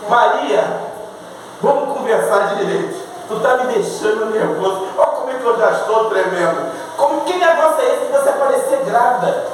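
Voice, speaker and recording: Brief: preacher playing a jittery young groom from Rio, pleading and agitated, in an echoey hall heard from afar. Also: male voice, very high voice, expressive, normal speed, a little hiss or hum. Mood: suspicious. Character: flustered young man, anxious groom-to-be. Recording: echoey church hall from far off.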